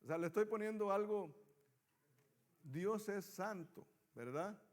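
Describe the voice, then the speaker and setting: A man's voice: sits high, lively intonation, slow. A man teaching a Bible study class, reading scripture aloud and putting questions to his students.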